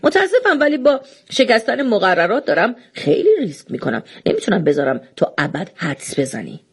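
A woman reading a stubborn doorkeeper, apologetic, unbending, lively rising and falling pitch, storybook dialogue. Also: husky, exaggerated voice. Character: stubborn rule-bound doorkeeper. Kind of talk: audiobook dialogue.

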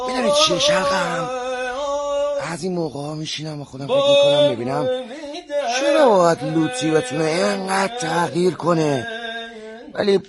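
A wistful treasure hunter, lively up-and-down voice, musing, crowd chatter behind. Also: male voice, high-pitched. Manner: musing, philosophical.

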